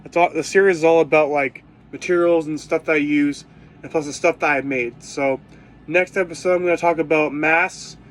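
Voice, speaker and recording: A man with a sore throat talking low in a casual cosplay tool tutorial vlog, rambling and hunting for words with many fillers. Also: steady tone, normal speed. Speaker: cosplay vlogger.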